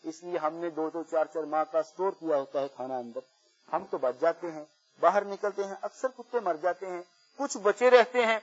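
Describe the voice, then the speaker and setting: High voiced preacher guy telling stories, gets loud then quiet, muffled lo-fi sound. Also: husky. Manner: animated, swings from quiet to loud. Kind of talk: storytelling sermon. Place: religious gathering. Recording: muffled lo-fi recording.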